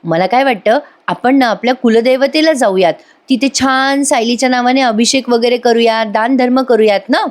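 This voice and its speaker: A woman's voice: on the high side, fairly even intonation, moderate pace, hardly any pauses, natural voice. A woman doing an eager elderly grandmother. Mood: enthusiastic. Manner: warm, enthusiastic.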